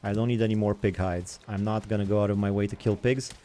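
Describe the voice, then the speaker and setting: A man's voice: lowish voice, steady tone, fast talker, mellow. A young man hosting a gaming channel, rambling in casual chatter as he plays and comments on other games.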